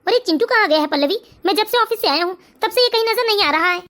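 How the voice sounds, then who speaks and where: A very high voice doing a stern dutiful son. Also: lively intonation, quick pace, sharp tone, full character voice. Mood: earnest. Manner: earnest, turns stern and lecturing. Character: dutiful grown son and father, firm and stern. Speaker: cartoon character.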